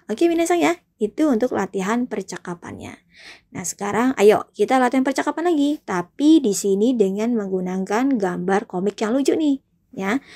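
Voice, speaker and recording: A young woman teaching a language lesson, patiently repeating example phrases slowly for learners. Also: mid-range voice, a little mellow. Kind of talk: video lesson, explaining and drilling phrases.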